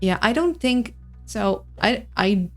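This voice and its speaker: A woman with a Dutch accent streams a game, offering casual commentary that rambles as she thinks aloud. She's medium-pitched and expressive and takes it slowly. Game music sits in the background, and voice filters shape her streaming mic.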